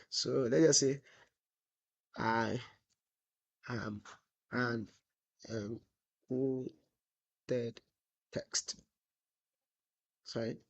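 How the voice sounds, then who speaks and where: A man's voice: fairly high pitch, gravelly. A man teaching web development in a screen-recorded tutorial. He asks the class "what?" and answers himself, and he drawls out the example text while he types. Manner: asks the class rhetorical "what?" questions, then answers them.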